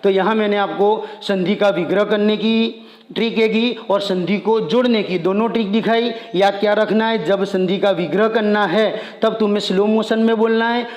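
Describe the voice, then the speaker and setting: High-voiced man teaching in an echoey room. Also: steady tone. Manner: stretches example words out very slowly, then says them fast; direct and plain, addressing the learner. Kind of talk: explaining a Hindi grammar lesson. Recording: echoey room with long reverb.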